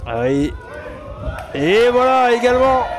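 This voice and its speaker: A high-pitched man works as a wrestling commentator. He calls moves in excited, exclamatory bursts. Crowd noise surrounds his voice. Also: a little slow. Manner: exclamatory, calling moves as they happen. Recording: loud event with music and crowd behind. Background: crowd and music.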